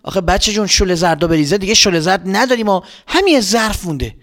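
A worried, nagging mother in an audio storybook, as a man puts her on. Her voice is raised high and pointed, firing off questions and scoldings. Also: lively intonation, a bit bright.

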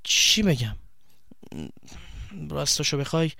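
A man puts on a shy, good-hearted boy who explains himself earnestly. The voice is a little higher than his narrating tone. The sound is dry and close. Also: no room sound, close to an everyday voice.

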